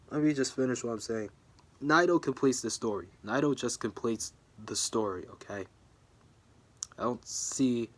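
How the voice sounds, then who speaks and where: Speaking from a room at home, a weary man rambles through wrestling predictions for his casual vlog, cutting himself off and wandering onto side topics. His voice is on the low side, pushed and bright.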